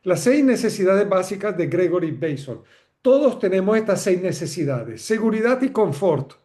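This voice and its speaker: A man's voice: high-pitched, big pitch swings, normal speed, dark tone. A man giving an online lecture on education, talking conversationally with rhetorical questions and frequent checks for agreement. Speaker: webinar speaker on educational leadership.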